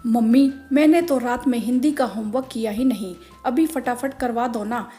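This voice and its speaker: Brief: a woman playing a whiny little boy in a storybook reading, high and mellow. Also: moderate pace, soft background music, close to an everyday voice. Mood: whining. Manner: whining, arguing. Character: whining schoolboy son, young child.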